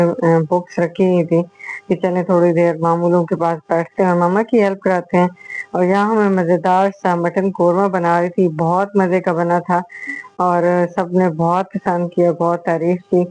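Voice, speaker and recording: A middle-aged woman chatting through a voice-over for her home vlog, unhurried, with drawn-out fillers between thoughts, recorded close on a small mic. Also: fairly low pitch, little pitch movement, a little mellow, rough recording. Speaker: vlogger, host. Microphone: voice-over on a small clip-on mic.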